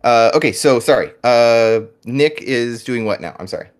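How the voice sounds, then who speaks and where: A man's voice: medium pitch, lively intonation, normal speed. A man running a tabletop game as game master, chatty and full of fillers and restarts.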